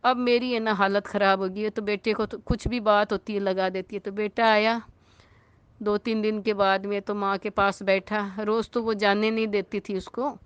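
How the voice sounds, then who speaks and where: Smooth-voiced woman telling a moral story. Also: medium pitch, little pitch movement, normal speed, dry recording, muffled recording. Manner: conversational, with frequent tag questions. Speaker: spiritual storyteller.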